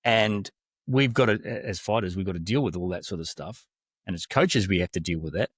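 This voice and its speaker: A man's voice: low-pitched, brisk, slightly rough, dry recording, clean studio sound. A man, a fight coach, hosting a casual interview and reflecting on coaching. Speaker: MMA coach and podcast host.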